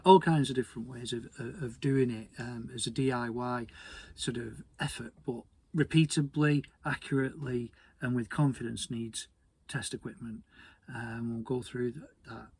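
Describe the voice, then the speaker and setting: A British hobby radio presenter gives an informal technical explainer, talking conversationally and hesitantly and often repeating words. His voice is husky and gravelly, medium in pitch and a little mellow.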